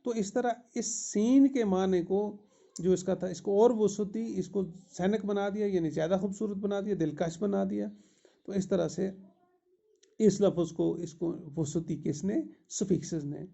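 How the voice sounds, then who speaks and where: A man with a Kashmiri accent, teaching an English grammar lesson, explaining each word slowly and step by step. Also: high voice, gravelly, warm tone. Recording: dull lo-fi recording.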